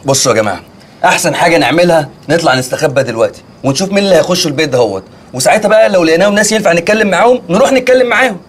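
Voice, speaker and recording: An actor playing a bossy, excitable stranded man who nags his friends, in an Egyptian accent. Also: a little high, rapid-fire, slight background noise, close to an everyday voice. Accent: Egyptian Arabic. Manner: bossy, excitable comic scolding. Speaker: castaway leading a group. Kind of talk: TV sitcom acting. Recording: music score underneath.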